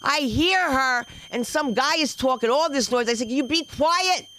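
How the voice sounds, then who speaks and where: An older woman of Dominican heritage doing stand-up, telling a story with lots of exclamations and quick switches into other people's voices. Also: sits high, slight background noise, poor audio. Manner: animated, shifts voices for characters, exclamatory. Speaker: stand-up comic. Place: comedy club open mic.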